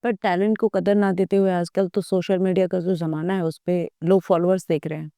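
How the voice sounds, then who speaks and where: A woman's voice: lowish voice, little pitch movement, a little fast, dark tone, no room sound, clean studio sound. A woman hosting an interview podcast who asks her guest questions in a conversational way. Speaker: podcast host.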